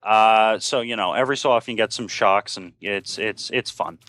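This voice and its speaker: A man's voice: fairly low pitch, moderate pace, fairly bright tone, dry recording. A man telling a story on a stream, rambling with many fillers and restarts. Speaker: guest on a stream. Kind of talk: casual chat over voice call.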